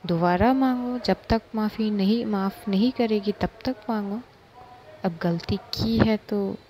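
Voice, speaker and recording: Woman voicing a gentle comforting father. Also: mid-range voice, measured pace, slight background noise, close to an everyday voice. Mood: tender. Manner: gentle, reassuring, lecturing softly. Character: caring father comforting his teenage daughter.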